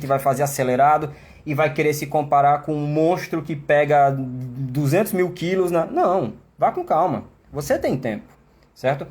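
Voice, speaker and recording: Brazilian man, English teacher on a live stream, slightly high voice, conversational, explains with lots of asides. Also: a little mellow, husky. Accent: Brazilian Portuguese. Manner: chatty, explanatory, many tag questions. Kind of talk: live online class.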